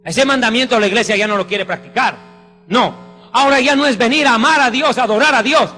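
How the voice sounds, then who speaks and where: Fervent high-voiced preacher in a hall. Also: male voice, fairly quick, sharp tone. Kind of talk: sermon. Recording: reverberant hall with faint music.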